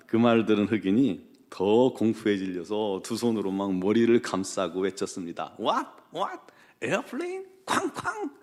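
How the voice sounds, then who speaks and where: A male pastor giving an early-morning prayer sermon. He reads scripture in a measured, formal cadence, then tells stories in a calm, conversational way with frequent "uh" pauses. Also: medium pitch.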